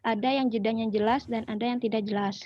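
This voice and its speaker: A woman explaining a linguistics lesson, pausing often on fillers as she talks. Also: a little high, fairly even intonation, no room sound, highs cut off. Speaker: student presenter.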